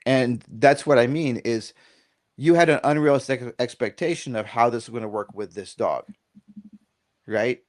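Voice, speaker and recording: A man's voice: medium pitch, normal speed. A middle-aged man, a dog trainer guest on a podcast, talking in a casual, rambling way. He keeps checking in with "right?" and acts out little quoted lines as he tells stories. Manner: animated storyteller who acts out quotes.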